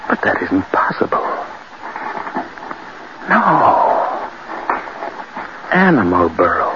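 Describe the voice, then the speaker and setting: Brief: a gasping, haunted widower in a 1940s radio horror play, slow and wildly swinging, old broadcast hiss. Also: male voice, medium pitch. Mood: uneasy. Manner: gasping, feverish, swings from gruff to frantic shouting. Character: horror-stricken man haunted by his wife's death. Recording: muffled old radio recording with loud hiss.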